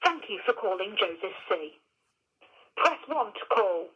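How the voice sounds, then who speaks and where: A woman's voice: mid-range voice, sing-song, unhurried, breathy edge, dull audio. A woman's recorded phone greeting, heard over a landline phone as she formally announces menu options.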